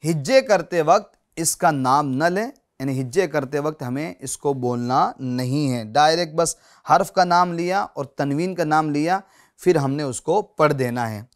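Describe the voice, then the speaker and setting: This is a man teaching Quran reading whose voice sits on the high side. Patiently and slowly he repeats each example, talks straight to the audience asking them to follow along, and often says "theek hai".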